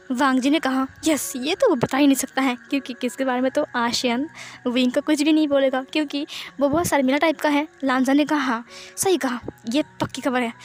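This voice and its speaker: A woman casually narrating a fan fiction story, voicing every character herself with fillers and restarts. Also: sits high.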